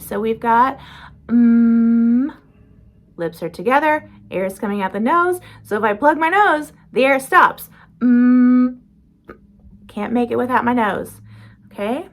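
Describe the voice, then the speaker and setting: A woman teaching beginner phonics, slowly demonstrating each speech sound and how the mouth makes it. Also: on the high side. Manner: slow, careful demonstrating of sounds. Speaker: reading and spelling teacher. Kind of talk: phonics lesson.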